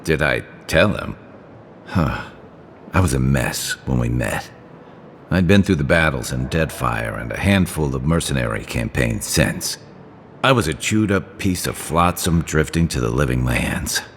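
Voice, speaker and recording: A weary, guilt-ridden veteran mercenary. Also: male voice, extremely low pitch, animated, a bit bright, full character voice. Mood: somber. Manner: halting, confessional. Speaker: companion character. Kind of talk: video game voice acting. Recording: game audio with long reverb and faint noise.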